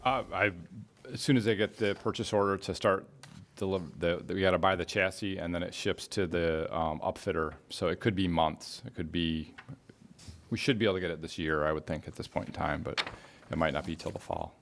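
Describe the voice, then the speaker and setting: Deep-voiced man explaining at a board meeting. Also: steady tone, brisk, a bit bright. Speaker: municipal department official answering questions.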